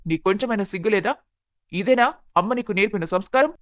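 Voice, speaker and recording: A man's voice: high voice, quick pace, fairly bright tone, dry recording, clean studio sound. A man voicing an angry young husband and brother who scolds his spoiled sister, in a storybook narration. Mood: angry scolding. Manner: stern, scolding.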